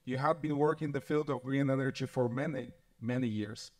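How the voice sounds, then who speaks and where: A man's voice: mid-range voice, steady tone, a little fast, darkish tone. A man moderating a conference panel, introducing guests politely and hesitantly with many fillers. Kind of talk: formal event hosting.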